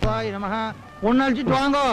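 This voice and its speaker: An actor playing a wedding priest who chants mantras in a singsong way in a film comedy scene. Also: male voice, extremely high pitch, a little fast.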